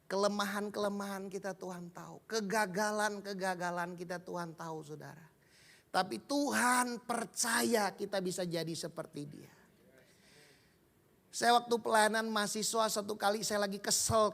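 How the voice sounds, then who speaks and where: Bright-voiced preacher, lively storyteller. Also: male voice, sits high, gravelly. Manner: lively storytelling, acting out quoted dialogue. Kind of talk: sermon.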